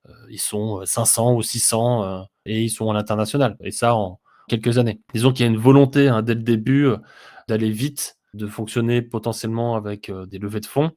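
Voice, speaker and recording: A man co-hosting a business podcast, explaining things steadily and pausing often with filler sounds. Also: lowish voice, steady tone, a little mellow. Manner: hesitant, many "heu" fillers, explanatory. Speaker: podcast co-host, business software consultant. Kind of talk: casual business podcast discussion.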